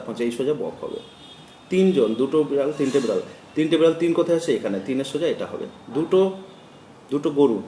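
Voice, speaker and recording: Male teacher, chanting letter drills for small children. Mellow tone, recorded from across a room with faint background noise. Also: mid-range voice. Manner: chanting drills, counts aloud slowly. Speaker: primary school teacher. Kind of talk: children's lesson on counting and letters. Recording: echoey room from a distance, faint ambient noise.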